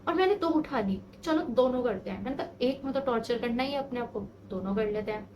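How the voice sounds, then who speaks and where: Fairly high-pitched, quick and a touch mellow, this twenty-something language learner vlogs with lively intonation. Casual and self-deprecating, she vents her exasperation about her struggles, over a low-quality recording with a bit of hiss or hum.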